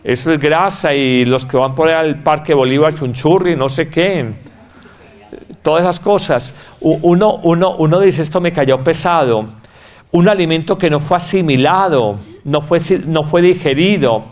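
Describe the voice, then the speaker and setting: Predicador paisa de voz algo aguda. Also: male voice, on the high side, normal speed, a little mellow. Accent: Colombian Paisa (Antioquia). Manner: emphatic and repetitive, acting out quoted voices. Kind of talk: sermon.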